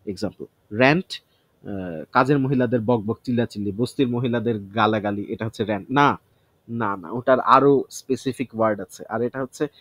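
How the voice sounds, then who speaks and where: Guy going over vocab words out loud, dry close sound, thinks as he talks. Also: mid-range voice, no echo. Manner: thinks aloud, self-testing word by word; mixes English words into Bengali explanations. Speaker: vocabulary teacher. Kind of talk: casual vocabulary study session.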